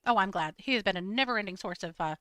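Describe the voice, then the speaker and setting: A woman's voice: mid-range voice, animated, fast, sharp tone, no echo. A woman co-hosting a live true crime show, chatting casually with wry, sarcastic humor. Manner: wry, sarcastic, laughs often. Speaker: true crime podcast co-host. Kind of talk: casual chat, live stream.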